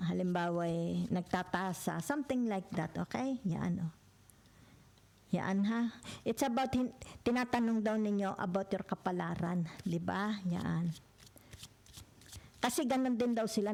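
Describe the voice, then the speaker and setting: A woman with a Filipino accent giving a relaxed tarot reading to her viewers. She talks in a chatty, conversational way, mixing Tagalog and English and tagging her points with little check-ins like "okay?" and "di ba?". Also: mid-range voice, creaky. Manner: chatty, peppered with "okay?", "di ba?" and "yan"; mixes Tagalog and English freely. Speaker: tarot reader.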